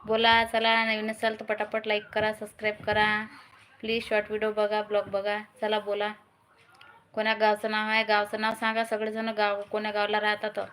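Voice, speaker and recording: A woman's voice: mid-range voice, monotone, brisk, a bit bright, slight background noise. A woman from Maharashtra with a Marathi accent, hosting a casual live stream, greeting viewers by name and urging them to like and subscribe. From Maharashtra, India.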